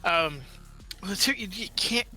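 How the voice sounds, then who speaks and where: Bright-voiced woman running a tabletop game. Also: mid-range voice, lively intonation, moderate pace, faint music behind, poor audio. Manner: casual, laughing, swears freely. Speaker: game master. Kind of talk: narrating a live-streamed tabletop game.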